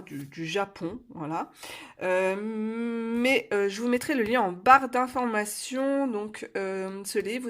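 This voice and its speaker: Woman, thirties, casual crafting chat, hesitant with fillers, restarts often, cheerful, mid-pitched voice. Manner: cheerful, laughs easily. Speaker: coloring book YouTuber. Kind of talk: casual chat while coloring.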